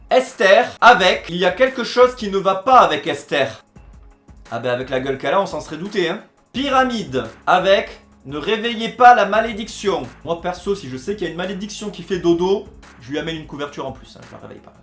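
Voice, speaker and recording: Sarcastic man with a lively, high voice. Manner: sarcastic, mock-dramatic, jokey asides. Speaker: host of a comedy video series. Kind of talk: comedic voice-over commentary. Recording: roomy echo.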